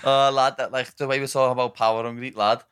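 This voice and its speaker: A man's voice: mid-range voice, little pitch movement, quick pace, fairly bright tone, slight background noise. A young man, chatting casually and bantering as a podcast co-host. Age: 20s. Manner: laddish banter, says "lad" a lot. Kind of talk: casual chat.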